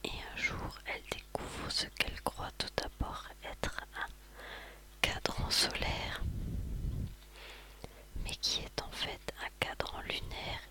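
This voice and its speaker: In a hushed library-style whisper, an ASMR host talks through beloved films and books, speaking haltingly with frequent pauses.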